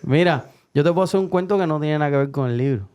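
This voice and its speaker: A man's voice: a little high, fast talker, a little mellow, clear, resonant tone. Rambling casual podcast host, a man. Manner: rambling, hesitant, many restarts. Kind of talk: casual chat and joke-telling.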